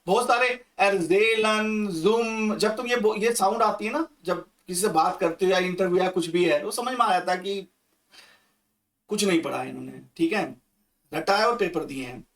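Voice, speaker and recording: A man with an Indian accent teaching German grammar, patiently repeating and reading example sentences slowly. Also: sits high, a bit bright, recorded from a distance. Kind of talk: slow explanatory grammar lesson.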